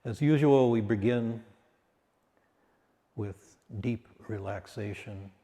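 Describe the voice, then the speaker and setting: Guiding a meditation, this teacher uses a low, dark-toned voice and a soothing manner, with the audio sounding dull. Short phrases come very slowly, long pauses fall between them, and a lengthy hall reverb lingers on each.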